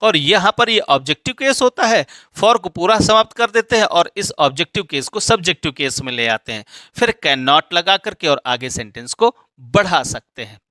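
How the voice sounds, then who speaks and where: A man explains English grammar to students step by step, often stopping to ask whether they follow. His voice sits high and sounds bright and forceful. The sound is dry and close. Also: expressive, normal speed, few pauses, no room sound. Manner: explains step by step with frequent check questions.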